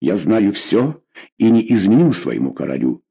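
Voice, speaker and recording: A man's voice: lowish voice, moderate pace, vocal fry, husky, heavily acted. A man reading a blunt, loyal captain of guards. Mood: steady. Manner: plainspoken, steady. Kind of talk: audiobook character voice.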